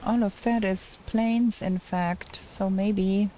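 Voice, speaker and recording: A woman streamer chats through her gameplay at an unhurried pace, pausing to think aloud. Her voice cracks now and then because she is still unwell. The recording is dull and lo-fi, with a faint hiss behind her. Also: mid-range voice, steady tone, dark tone. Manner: slow and hesitant, thinking aloud. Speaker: game streamer. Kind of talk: casual gameplay commentary.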